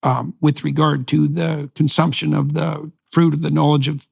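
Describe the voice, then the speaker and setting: A man with a fairly high, gravelly voice and a husky edge, hosting a long-form conversation. He talks emphatically and haltingly, pausing to search for the right word. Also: level tone, darkish tone. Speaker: host.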